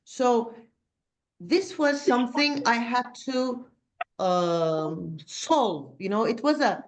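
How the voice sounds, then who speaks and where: A woman teacher joining a video call workshop, telling a story hesitantly, with many fillers and pauses. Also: a little high, slight background noise. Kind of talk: sharing a personal story.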